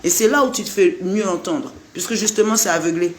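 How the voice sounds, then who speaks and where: High-voiced man ranting to camera. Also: brisk. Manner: repetitive, rhetorical, addresses the listener directly. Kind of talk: impassioned monologue to camera.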